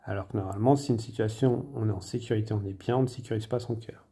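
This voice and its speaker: Soft gravelly low-voiced man. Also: fairly even intonation. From France. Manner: hesitant, many fillers and pauses, drifting into near-whispers. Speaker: medium giving a general reading. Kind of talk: spontaneous spoken guidance.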